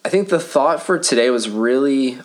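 A man co-hosting a faith podcast in casual chat, talking quickly and laughing often, recorded in a living room full of pillows. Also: mid-range voice, animated. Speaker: podcast co-host.

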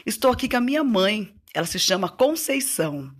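A woman's voice: mid-range voice, big pitch swings, a little fast. A woman, a preschool teacher talking in a playful, singsong way to young children. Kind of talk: lively talk to young children.

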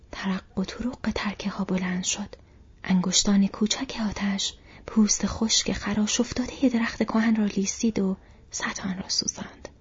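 A woman narrating an audiobook in a steady, even storytelling manner. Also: medium pitch, slightly rough. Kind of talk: scripted narration. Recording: dull lo-fi recording.

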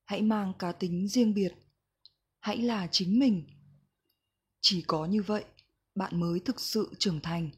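A woman reading a reflective book passage aloud in a slow, gentle, measured way. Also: medium pitch, slightly rough. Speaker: book reader.

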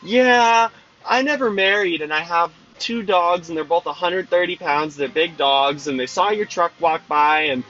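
A man's voice: fairly high pitch, unhurried, sharp tone, voice pushed up. A young man mimicking an odd, chatty older single woman who rambles obliviously. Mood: rambling. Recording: dull lo-fi sound with faint music.

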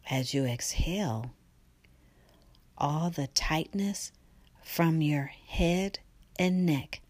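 A woman guiding a relaxation meditation in a soft, slow, partly whispered delivery. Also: low-pitched, expressive, no echo. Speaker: meditation guide.

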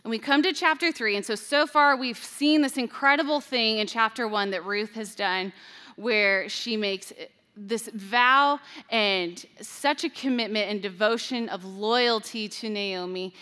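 A woman's voice: on the high side, measured pace, sharp tone. A woman giving a conversational Bible talk, casual and chatty with playful modern asides. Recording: long hall reverb.

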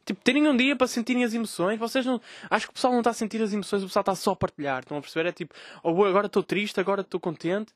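A young man with a European Portuguese accent rants sarcastically and swears on his solo podcast, mocking other people's voices as he goes. His voice is high and very fast, with studio-quality sound and no echo.

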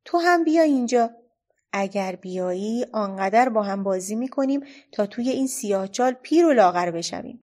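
Brief: bold playful young girl for a storybook, read by a woman, lively, bossy, bright and high. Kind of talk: storybook reading.

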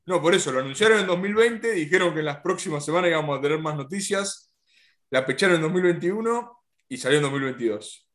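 A man with a Rioplatense Spanish accent in a casual manga chat, halting and restarting, laughing easily. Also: a little high, lively intonation, a bit bright, roomy sound. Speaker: podcast co-host.

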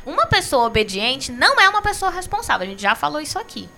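A woman's voice: high voice, very animated, fast talker, creaky, pushed and bright, soft background music. A woman co-hosting a live-stream discussion, explaining her points emphatically and repeating them for weight. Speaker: co-host.

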